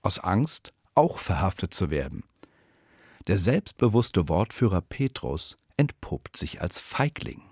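A man retelling a Bible story as a devotional reflection, in a storytelling manner with slow, weighty pauses. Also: low-pitched, sing-song, a little mellow, slightly rough, no echo, studio quality. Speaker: preacher.

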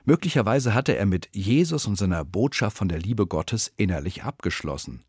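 A man retelling a Bible story as a devotional reflection, in a storytelling manner with slow, weighty pauses. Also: fairly low pitch, expressive, a little mellow, husky, no room sound, clean studio sound. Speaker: preacher.

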